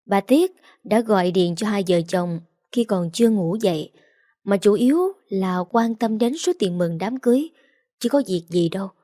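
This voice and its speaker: A woman narrating a romance story in a steady, even reading. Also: medium pitch, no room sound, studio quality.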